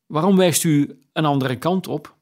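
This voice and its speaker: A man voicing an old miserly man, now anxious and pleading, in a slow audiobook reading. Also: a little high, darkish tone, pitched above the performer's own voice, close to an everyday voice. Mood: urgent, pleading.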